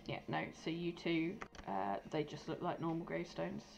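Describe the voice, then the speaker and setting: A woman's voice: low-pitched, animated, moderate pace, gravelly, darkish tone, lo-fi sound. A woman speaking casually as game master, narrating a tabletop game and asking players for checks. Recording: faint music behind.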